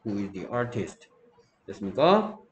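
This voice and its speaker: A man's voice: lowish voice, sing-song, extremely slow, dull audio. A man teaching English grammar in a lecture, often stopping to check that students follow and answering his own questions. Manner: keeps checking in with students, asks and answers himself. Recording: echoey room, faint background noise.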